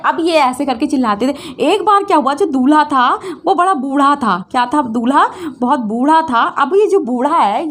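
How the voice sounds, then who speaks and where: A woman teacher with a high voice talks through a school lesson. She retells the story plainly, repeats her phrases, and keeps asking her students questions as she explains. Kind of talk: Hindi class revision lesson.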